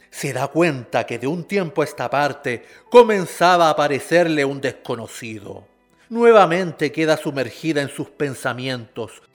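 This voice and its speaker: A man giving measured, somber narration for a radio drama. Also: on the high side. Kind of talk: scripted narration.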